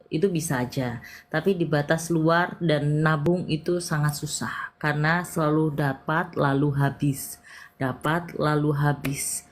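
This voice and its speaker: A woman's voice: low voice, darkish tone, a little hiss or hum. A woman palm reader giving a live-stream reading, talking intimately and emphatically, calling the listener "dear". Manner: intimate, calls the listener "sayang"; direct, emphatic counseling.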